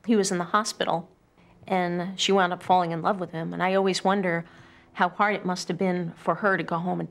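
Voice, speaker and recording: In a quiet, furnished room, a middle-aged woman reads poetry and tells family memories, earnest and thoughtful as she shares personal words. Her voice is on the low side and creaky.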